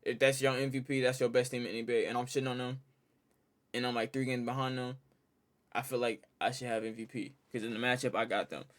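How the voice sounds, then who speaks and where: A man's voice: mid-range voice, fairly even intonation, fast. A man casually reacting on a live stream, loose and profane, joking with his chat.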